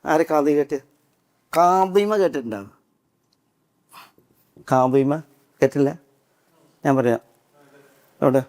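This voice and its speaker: A man with a Malayalam accent teaching a Quran commentary class. He asks his listeners questions and answers them himself, and chants Arabic verses slowly. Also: fairly high pitch, animated, darkish tone. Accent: Kerala Malayalam. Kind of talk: Islamic religious class.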